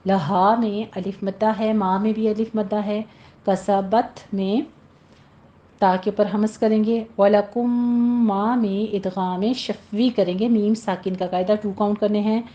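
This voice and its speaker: A woman teaching a tajweed lesson, slowly reciting verses and then explaining the pronunciation rules in a plain instructive voice. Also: medium pitch, fairly even intonation, dark tone, muffled recording. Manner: slow, deliberate, drawn-out recitation between plain instructions.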